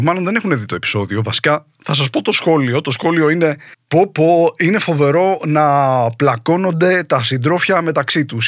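A young man delivering a mock-earnest satirical monologue as a comedy host, full of deadpan irony and rhetorical questions. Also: high voice, breathy edge, dry recording, clean studio sound.

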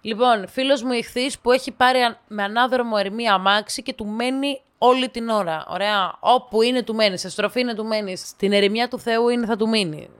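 A woman tells funny stories in a relaxed, chatty way. She brings the dialogue to life with sudden jumps up in pitch. Between those she drops into quiet, low asides. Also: few pauses, clear, resonant tone. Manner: lively, acts out dialogue with sharp pitch jumps. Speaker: storyteller. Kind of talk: casual anecdotal storytelling to listeners.

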